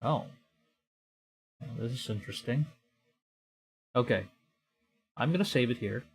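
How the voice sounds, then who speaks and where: A Filipino man streams a visual novel, reading the story aloud and muttering his own reactions between lines. His voice is mid-range and unhurried, with game music playing behind it.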